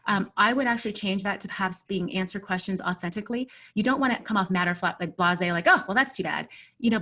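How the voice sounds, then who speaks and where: A woman speaking as a webinar panelist in a thoughtful, measured way, pausing often with ums, over a video call. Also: mid-range voice, fairly bright tone. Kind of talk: earnest discussion.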